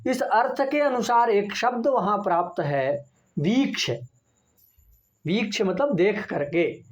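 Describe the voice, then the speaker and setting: A man's voice: high voice, measured pace. Male lecturer explaining step by step. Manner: explains step by step, repeats key terms, rhetorical questions. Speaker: Sanskrit grammar lecturer. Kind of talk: university lecture.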